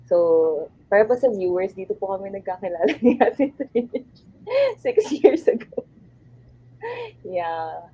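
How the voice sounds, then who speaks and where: A woman's voice: medium pitch, normal speed, slightly rough. A twenty-year-old woman with a Filipino accent, a bubbly guest who laughs often in a casual online interview. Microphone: video call. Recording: dull lo-fi video call audio.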